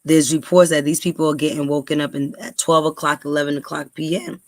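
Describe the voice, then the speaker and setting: A woman's voice: deep voice, little pitch movement, a little fast, no room sound. Dry-voiced New woman talking. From New York, USA. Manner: conversational, frequent ums, speeds up when stressing points. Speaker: podcast host. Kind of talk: casual commentary and reading aloud.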